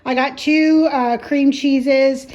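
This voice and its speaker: A woman's voice: high voice, steady tone, slow pace, darkish tone, low-quality recording. Chatty woman vlogging from her kitchen. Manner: chatty, loose with frequent ums. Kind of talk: casual home vlog. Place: home kitchen.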